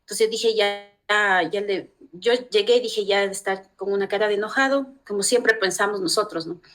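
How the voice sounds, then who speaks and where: A middle-aged woman from Ecuador with an Ecuadorian Spanish accent, telling family stories as an interview guest, warm and full of restarts. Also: medium pitch, normal speed. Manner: warm storytelling with many restarts. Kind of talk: casual interview talk.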